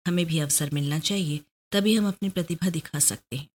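A woman's voice: low voice, darkish tone. A woman voicing a proud, determined young woman detective who pleads her case earnestly.

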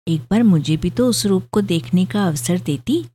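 A woman voicing a gentle, affectionate young husband who speaks in a calm, reasoning, gently lecturing way in a storybook reading. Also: fairly low pitch, moderate pace. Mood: fond.

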